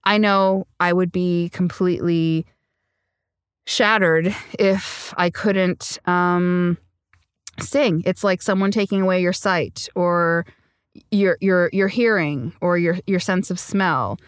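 A woman's voice: fairly low pitch, fairly even intonation, slow pace, smooth, no room sound, studio quality. A woman, a singer-songwriter from Sri Lanka, speaking earnestly and reflectively in an interview, often laughing. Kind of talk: conversational interview.

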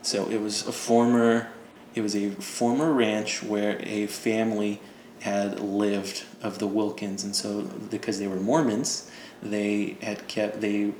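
A man's voice: lowish voice, little pitch movement, unhurried, a little mellow. A man narrating as game master in a casual, joking way. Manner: casual, laughing, loose and joking. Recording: echoey room with faint ambient noise.

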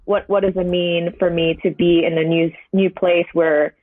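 Medium-pitched and flat, delivered at normal speed, the voice belongs to a Hong Kong painter in their twenties whose first language is Cantonese. They appear as a guest on a conversational podcast interview, with tinny, dry phone-line audio and no room sound. Their talk is reflective and meandering, laced with hedges.

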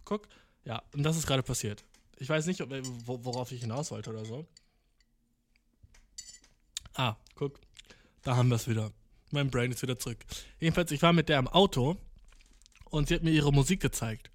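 A man's voice: medium pitch, normal speed, pauses often, no room sound. A young man, rambling ironically in casual slang and mixing in English words. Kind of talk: casual monologue to camera.

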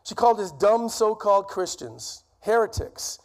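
A man with a Boston accent delivers a sermon from a church pulpit, his voice pitched high for a man. He talks in a loose, conversational way and likes to poke fun at himself. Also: lively intonation, normal speed. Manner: conversational, self-deprecating. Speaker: guest preacher. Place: church sanctuary.

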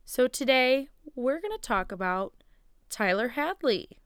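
A woman's voice: high voice, sing-song, measured pace, fairly bright tone, clear, resonant tone, dry recording, studio quality. A woman in her twenties hosting a podcast, telling true crime stories in a chatty, informal way with slangy asides. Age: 20s. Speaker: podcast host. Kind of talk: casual true crime storytelling. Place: small closet at home.

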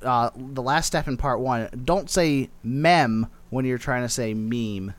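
A man's voice: medium pitch, normal speed. A man hosting a casual chat, reading an article aloud and joking along with his friends. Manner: reads aloud with playful asides.

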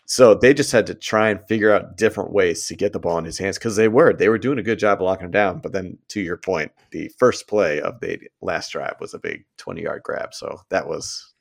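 A man's voice: sits low, fairly quick, gravelly, few pauses. A man in casual sports chat on a podcast, friendly and chatty, laughing often and drifting into side stories. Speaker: podcast co-host.

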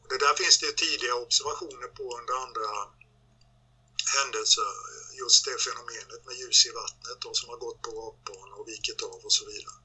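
Husky, bright-voiced man recalling events. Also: medium pitch, fairly even intonation, poor audio. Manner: hesitant, with frequent filler sounds. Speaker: former platoon officer recounting an incident. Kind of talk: interview recollection.

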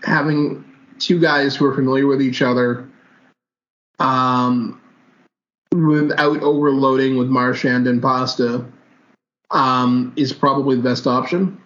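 A man co-hosting a casual hockey podcast, joking in a dry, deadpan way and then laying out his analysis step by step. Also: medium pitch, a little slow, pauses often. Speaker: podcast co-host. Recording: dull lo-fi audio with faint hiss.

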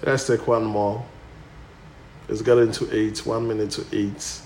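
A man's voice: lowish voice, little pitch movement, measured pace, a little mellow, a little hiss or hum. A man preaching and teaching a group, emphatically repeating short phrases. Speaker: preacher leading a Bible study. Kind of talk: interactive sermon, teaching. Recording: echoey room.

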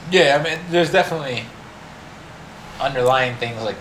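A man co-hosting a podcast in casual chat, animated and joking, with heavy slang and swearing. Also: medium pitch, moderate pace. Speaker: podcast co-host. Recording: echoey room with clear background noise.

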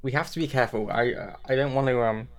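A man's voice: medium pitch, steady tone, fast. Podcast co-host, young guy, casual and rambling, mid-range voice. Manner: rambling, many restarts and fillers. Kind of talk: casual chat.

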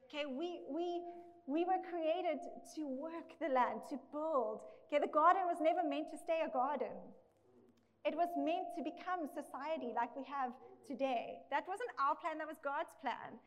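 A high-voiced woman preaches a sermon, and her voice rings out with a long echo through a big hall. She talks in a loose, conversational way and keeps checking in with "okay.". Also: normal speed. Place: large church hall with a congregation. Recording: echoey recording in a big hall.

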